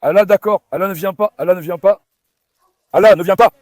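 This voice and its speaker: Male vlogger, high pitch, coaxing and commanding his dogs, dry sound. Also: a little fast, darkish tone, no room sound. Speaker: farm dog owner and vlogger. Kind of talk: casual vlog talk to camera and dogs.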